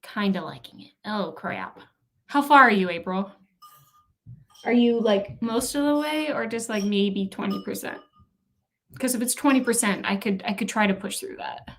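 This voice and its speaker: A woman's voice: medium pitch, expressive, moderate pace. A young woman hosting a casual reading livestream, chatting with viewers and trash-talking playfully. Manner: chatty, playful trash talk, frequent laughs. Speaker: streamer hosting a reading sprint.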